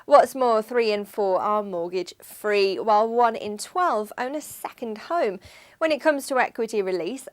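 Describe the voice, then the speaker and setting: A woman reading a scripted news-style voice-over for a finance firm in an even, measured way. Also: mid-range voice. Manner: even, measured read of figures.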